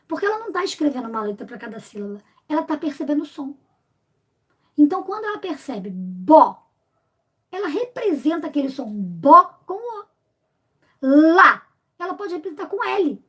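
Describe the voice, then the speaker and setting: A woman in her fifties from Brazil, a literacy teacher explaining lessons and sounding out syllables slowly and emphatically. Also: high voice, a bit bright. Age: 50s.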